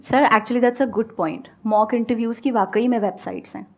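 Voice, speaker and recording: A woman with an Indian accent giving an animated motivational talk on speaking English, mixing Hindi and English. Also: on the high side, normal speed. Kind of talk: motivational talk with audience questions.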